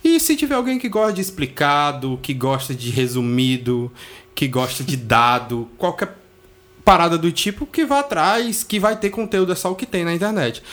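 Blunt man with a raised pitch. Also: expressive, normal speed, a bit bright. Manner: blunt, swears freely, thinks aloud. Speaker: podcast co-host. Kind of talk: casual podcast chat. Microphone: studio microphone.

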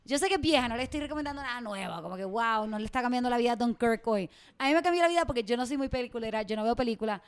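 A young woman co-hosts a podcast with quick, gushing enthusiasm. Her voice is fairly high and clean. She mixes slang and casual swearing into rapid chatter. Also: clean tone. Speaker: podcast co-host. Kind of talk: casual chat.

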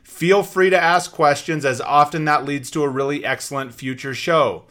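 Male host for motivational business talk: slightly high-pitched, bright, emphatic and instructive. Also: steady tone, moderate pace. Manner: emphatic, instructive, repeats key points. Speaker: show host, sales trainer.

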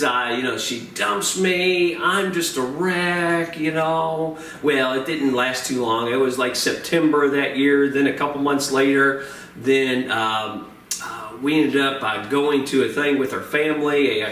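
A man in his forties preaching a sermon as pastor, talking in a halting way, often repeating words and filling pauses with uh. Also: mid-range voice, fairly even intonation, a bit bright. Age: 40s. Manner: hesitant, repeats words and fills with uh. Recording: roomy, distant mic with faint noise.

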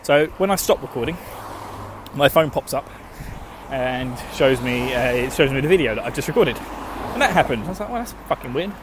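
Here the man's voice is mid-range and expressive, at a moderate pace, as he chats jokily to listeners in his role as a gaming show host. Expect lots of swearing, an informal rambling style, slightly slurred lazy diction, and an Essex, Estuary English accent; he's from Essex, England. He's on foot in an urban outdoor area, captured by a handheld phone amid traffic noise.

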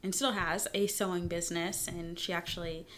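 A woman guest, a fabric designer, telling her story in an animated, chatty way during a casual interview. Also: fairly low pitch, normal speed, slight background noise.

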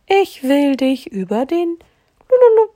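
A woman voicing a kind talking fish in a storybook read aloud, squeaky and gurgling bubble sounds. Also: sing-song, measured pace, warm tone.

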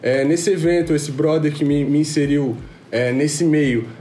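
Podcast guest: twenties, from Rio, laid-back slangy storyteller, echoey room. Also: male voice, fairly high pitch, steady tone, measured pace, warm tone. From Rio de Janeiro, Brazil. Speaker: podcast guest, music producer. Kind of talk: casual chat. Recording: roomy, faint background noise.

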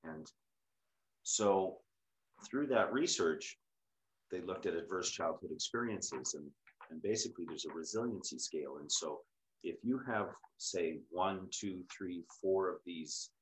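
A man's voice: low-pitched, measured pace, rough recording. A middle-aged man, a guest on a podcast interview, explaining earnestly with many fillers and restarts. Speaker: guest, recovery center leader.

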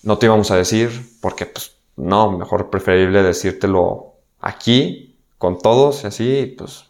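A man's voice: fairly low pitch, unhurried. A young man with a Mexican accent telling a personal story in a candid, slangy way, acting out the dialogue he quotes. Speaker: guest.

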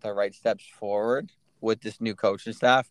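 A podcast co-host with a fairly low voice chats casually about sports at normal speed and in a steady tone. He's laid-back, uses lots of fillers and swears a little, and the recording is dry.

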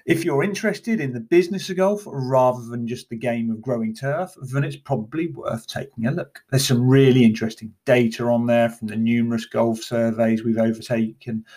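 A man's voice: medium pitch, darkish tone. Chatty middle-aged man with frequent ums. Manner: conversational, with frequent ums and uhs and restarts. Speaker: blogger and podcaster in the golf turf industry. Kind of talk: casual spoken monologue, then reading an article aloud.

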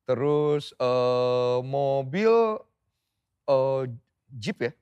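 A young man chatting casually as a podcast guest, telling an animated story full of mouth sound effects. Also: medium pitch, very slow, clear, resonant tone, no room sound.

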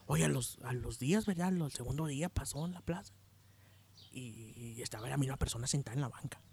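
A man telling jokes in casual chat, animated and shouting the punchlines. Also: medium pitch, brisk, gravelly, slightly rough. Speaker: joke teller.

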